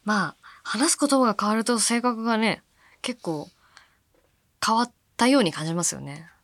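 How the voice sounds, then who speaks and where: A woman from Fukuoka hosts a casual radio talk show, reading listener mail and musing aloud in a chatty way that often drops to soft asides. Her voice sits a bit high, and the close studio mic gives a dry sound with no room echo. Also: moderate pace. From Fukuoka, Japan. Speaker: radio host.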